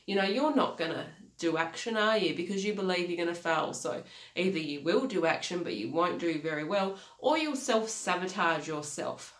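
In a small home office with an echoey sound, a woman in her thirties gives an earnest motivational talk as a life coach, her voice congested and nasal. She speaks in a lowish, slightly bright, expressive tone at a moderate pace, repeating key phrases and gesturing with her hands.

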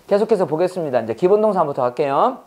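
A man's voice: high voice, animated, very fast, darkish tone. A man teaching an English lesson to a class, drilling students with constant questions and exaggerated pronunciation. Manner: drills students with repeated call-and-response questions.

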